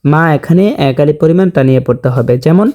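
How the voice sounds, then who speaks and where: A man teaching correct Quran recitation, explaining each rule plainly and then reciting the words slowly and drawn out. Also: a little high, lo-fi sound. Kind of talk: slow step-by-step tajweed lesson with recited examples.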